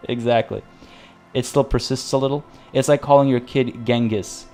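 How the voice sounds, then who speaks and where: A man streams a video game in an unhurried, steady, dark mid-range voice, chatting to viewers in a rambling, tangent-filled way with frequent restarts. He tells them he's losing his voice.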